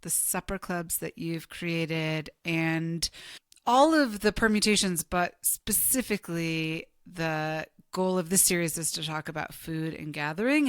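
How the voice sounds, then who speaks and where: A woman with a slightly low voice hosting a podcast interview and asking questions in an effusive, enthusiastic way. The recording is dry and close. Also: no echo. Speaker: podcast host.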